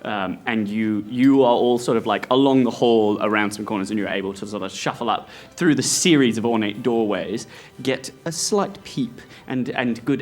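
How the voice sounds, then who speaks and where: A man narrating a tabletop role-playing game as game director, describing scenes in a rambling, amused way. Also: on the low side.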